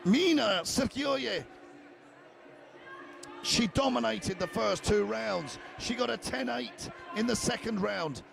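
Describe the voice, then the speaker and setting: Gravelly, hoarse man calling a fight. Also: high voice, slow, over music. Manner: excited, often shouting. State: losing his voice. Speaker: fight commentator. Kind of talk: live sports commentary.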